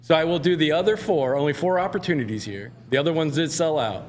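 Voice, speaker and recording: A male auctioneer with a fairly high voice delivers a live sales pitch. He urges buyers on and repeats his calls. There is audible background noise. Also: quick pace. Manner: urging, repetitive.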